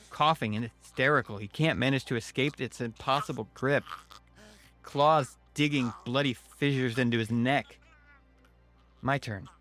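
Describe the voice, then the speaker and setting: A man's voice: mid-range voice, a little slow, fairly bright tone. A man narrating a scripted first-person horror story in a wry, sardonic way on a close mic. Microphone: close, dry studio-style mic. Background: background music.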